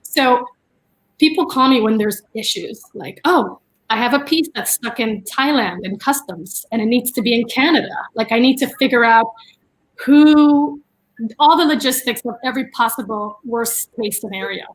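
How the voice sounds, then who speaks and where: Woman from the dominican republic raised in new york, middle-aged, fairly high voice, animated storytelling. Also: moderate pace, low-quality recording. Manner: chatty, animated storytelling with fillers. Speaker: guest, art dealer and curator. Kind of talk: casual chat.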